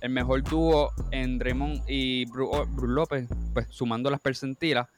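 A man's voice: medium pitch, fairly even intonation, unhurried, soft background music. A man with a Caribbean Spanish accent arguing a basketball debate as a panelist, reeling off statistics and mixing in English terms. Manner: stat-heavy, with English terms mixed in. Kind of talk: argumentative sports debate with statistics.

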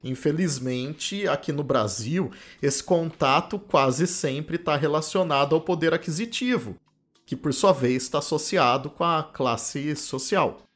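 A man's voice: fairly high pitch, a little slow, a bit bright, faint music behind. A man from the interior of São Paulo with a Campinas accent and retroflex caipira R, a linguistics professor explaining ideas in a podcast lecture recorded in his home office, often adding "né?" tags. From Campinas, interior of São Paulo state, Brazil.

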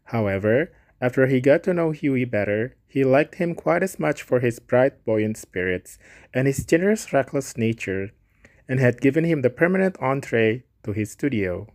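A man's voice: mid-range voice, expressive, normal speed, a little mellow. Man reading a story aloud. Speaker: story reader.

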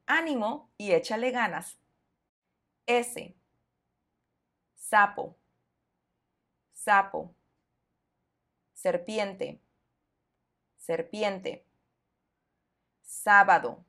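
A woman's voice: medium pitch, drawn-out words, pauses often, sharp tone. A woman with a Mexican accent, teaching Spanish pronunciation on a podcast and enunciating each word carefully before repeating it.

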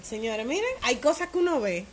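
A woman's voice: on the high side, animated, a little fast, noisy background. A woman with a Dominican accent, hosting a casual chat and teasing her friends with questions. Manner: teasing, asks the group questions.

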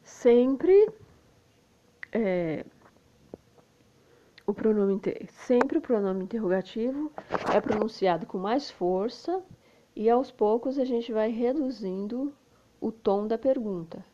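A native Portuguese speaker with a Brazilian Portuguese accent teaches English in a slow explanatory lesson, repeating example phrases slowly and often tacking on "né?". Her voice is on the high side, expressive and mellow, though the audio is dull.

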